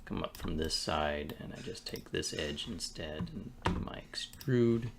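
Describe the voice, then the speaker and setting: A man streaming game development, thinking aloud in a relaxed, musing way as he works at his computer. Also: low voice, creaky, very noisy. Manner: relaxed, musing, talks to himself between pauses. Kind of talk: casual thinking-aloud commentary while working.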